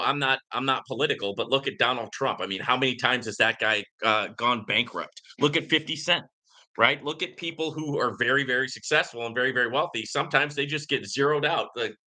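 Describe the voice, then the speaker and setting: A man hosts a casual live Q&A, answering viewer comments in a mid-range, animated voice that runs a little fast with a sharp edge. He comes across outspoken and emphatic, repeatedly checking for agreement with "right?"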